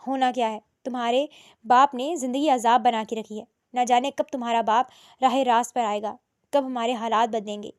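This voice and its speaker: A woman's voice: fairly high pitch, fairly even intonation, a little mellow, lightly acted. A woman voicing a stern, worried middle-aged mother who speaks firmly and reproachfully in a storybook reading.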